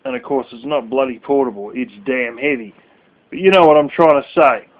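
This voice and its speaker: A man's voice: mid-range voice, brisk. A sleepy man ranting bluntly and rambling as he talks to camera, swearing freely. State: sleepy, yawning late at night. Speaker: vlogger. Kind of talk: casual rant to camera. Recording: tinny phone-like audio.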